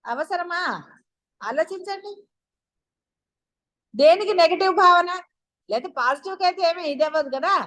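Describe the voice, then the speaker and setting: A woman's voice: extremely high pitch, expressive, normal speed, pauses often, fairly bright tone. A woman giving a spiritual discourse as a teacher, talking straight to her listeners and firing off rhetorical questions in a chatty, coaxing way. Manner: addresses listeners directly.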